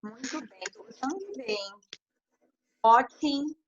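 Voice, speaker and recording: A woman's voice: sits high, sing-song, a little slow, dull audio. A woman, tutoring English over a video call, patient and humming "tananã" to mark blanks. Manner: patient, fills blanks with sung "tananã", spells letters. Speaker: English teacher. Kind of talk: online class tutoring.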